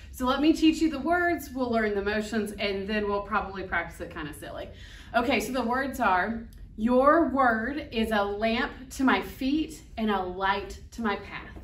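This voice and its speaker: A woman's voice: fairly high pitch, fairly bright tone, distant mic. A woman children's ministry teacher, upbeat and playful, leading small kids through a Bible verse with hand motions. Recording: echoey room, voice from off-mic.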